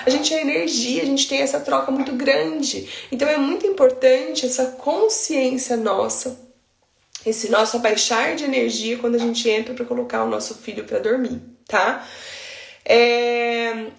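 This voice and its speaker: A Brazilian baby sleep consultant explains routines in an informal teaching monologue, chatty and full of homely examples and frequent tag questions to check in with the listener. Her voice is on the high side and creaky, at normal speed, with a reverberant sound and a Brazilian Portuguese accent.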